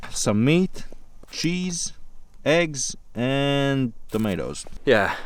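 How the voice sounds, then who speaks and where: Low-voiced man vlogging casually outdoors. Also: clean tone. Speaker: camping vlogger. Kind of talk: casual vlog narration to camera. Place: outdoors in a snowy winter forest.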